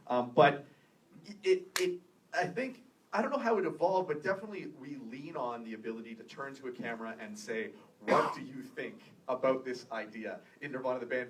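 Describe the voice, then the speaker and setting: A Canadian man in his thirties, a filmmaker guest at a screening Q&A, telling stories casually and animatedly, laughing and quoting people in lively voices. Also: mid-range voice. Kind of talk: casual Q&A storytelling. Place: theater after a screening. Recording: distant room recording with faint noise.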